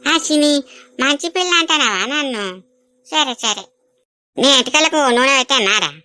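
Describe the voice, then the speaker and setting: A weepy, doting old village grandmother, put on by a woman, squeaky-high and brassy bright. She coos and fusses endlessly over her grandchild. The sound is dry and close in this cartoon dub. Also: expressive, normal speed, no echo. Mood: fussing. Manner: coaxing, clucks endearments over and over. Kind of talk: animated village comedy dub.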